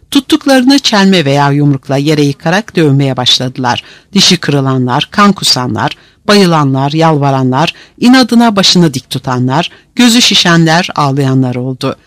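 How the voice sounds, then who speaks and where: Expressive male audiobook narrator. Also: fairly high pitch, moderate pace, no room sound. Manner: vivid, expressive reading.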